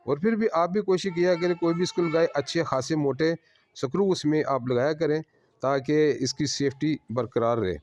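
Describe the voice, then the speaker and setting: A man working as a solar installer, giving a plain, unhurried on-site explanation of his work to viewers at a house. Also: a little high, a little mellow.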